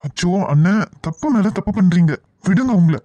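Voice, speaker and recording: A man's voice: high voice, lively intonation, normal speed, dark tone, no room sound. A man voicing a worried young colleague in a cartoon, coaxing and placating, with a Kanyakumari Tamil accent. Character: worried young male colleague trying to calm things.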